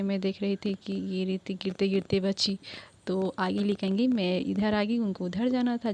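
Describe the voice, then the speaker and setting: A woman's voice: medium pitch, dark tone. Chatty young woman vlogging outdoors. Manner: chatty and homely, with frequent restarts. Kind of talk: casual vlog narration. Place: outdoors crossing a river.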